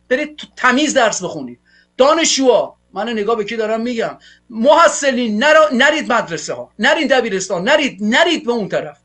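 A man hosts a television show with fiery political commentary. His voice sits unusually high for a man, and his delivery is an angry, insulting rant. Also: a bit bright. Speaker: TV show host.

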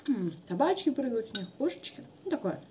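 A woman with a Russian accent, a mukbang vlogger chatting softly at home with her mouth full of rice. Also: a little high, big pitch swings, brisk, background noise. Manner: soft, chatty, musing aloud. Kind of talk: casual chat while eating.

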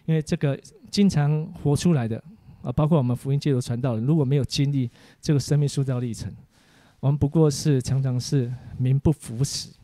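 A man, a preacher giving a teaching sermon for an online course, full of animated stories about his family. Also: mid-range voice, brisk, no room sound.

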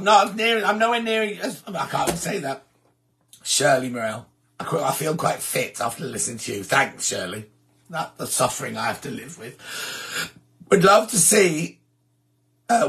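A man with a sore, hoarse throat hosting a live stream, chatting casually and reading out viewer comments. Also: on the high side, a bit bright. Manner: chatty, rambling, self-deprecating.

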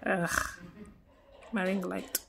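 A young Nigerian woman, a stay-at-home mom, chatting to her phone camera at home. She sighs, murmurs when tired and gets loud when excited. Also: slow, vocal fry, a crowd in the background. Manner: chatty, sighing, switches between low tired murmurs and loud excited outbursts. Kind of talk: casual talking-to-camera vlog. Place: home kitchen and rooms, indoors. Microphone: phone camera held close.

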